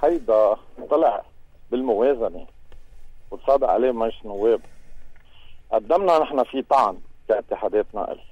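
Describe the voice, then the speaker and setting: A man's voice: medium pitch, brisk, pauses often, husky, dry recording, narrow, tinny audio. A man with a Lebanese accent explaining things as a radio guest, repeating phrases for emphasis. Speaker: transport union representative, radio guest.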